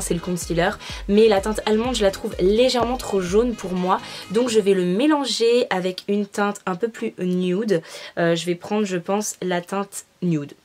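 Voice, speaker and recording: A woman's voice: mid-range voice, a little mellow. A young adult woman talking casually through a makeup tutorial as a beauty vlogger, with frequent fillers. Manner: chatty, many fillers.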